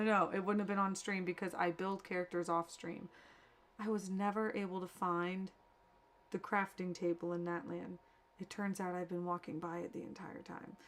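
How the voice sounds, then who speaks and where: A young woman chatting casually and candidly while live-streaming a video game, self-deprecating and giggly. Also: medium pitch.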